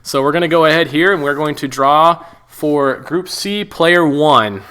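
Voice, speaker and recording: Bright, excitable young announcer man. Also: a little high, measured pace, smooth. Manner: excitable announcer, hams up the draws. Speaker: co-host of a mock tournament draw show. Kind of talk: playful mock sports broadcast.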